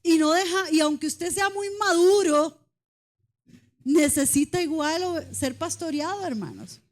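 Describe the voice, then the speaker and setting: A woman's voice: very high-pitched, lively intonation, unhurried. A woman preaching a sermon in church, emphatic and direct, often calling out to her listeners as brothers and sisters. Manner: emphatic, repeatedly addresses the congregation as brothers; speaks as a mother, mentions her daughters.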